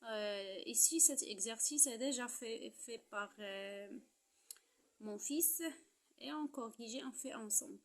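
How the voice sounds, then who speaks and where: A middle-aged woman with a Moroccan accent teaching a primary-school lesson, repeating each word slowly and stressing its syllables. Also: a little high.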